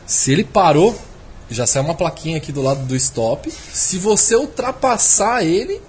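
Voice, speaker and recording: A man's voice: a little high, very animated, normal speed, a little hiss or hum. A man telling a casual anecdote in a podcast chat. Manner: chatty, tells anecdotes.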